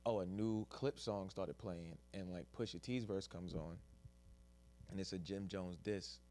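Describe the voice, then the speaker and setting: A man's voice: low voice, fairly even intonation, unhurried, dark tone, a little hiss or hum. A man hosting a casual podcast, talking loosely and slangily and joking with his co-hosts. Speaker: podcast host.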